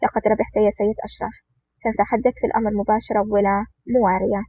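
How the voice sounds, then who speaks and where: A reader voicing a scheming male crime boss in an audiobook, in a measured, smooth manner. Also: medium pitch, level tone, warm tone, slight background noise, natural voice. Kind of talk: audiobook reading. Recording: dull lo-fi recording.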